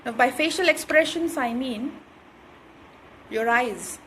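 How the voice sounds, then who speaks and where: A woman's voice: sits high, slow pace, a bit bright, slight background noise, low-quality recording. A woman giving an instructional talk on communication skills, repeating her points and checking in with "right?".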